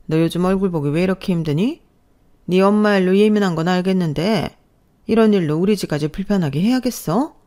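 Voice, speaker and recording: A woman's voice: on the low side, brisk, lightly acted. A woman voicing a snobbish, scolding middle-aged mother-in-law who talks down with scorn, in a narrated radio story. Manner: scornful, nagging, rising to sharp outbursts.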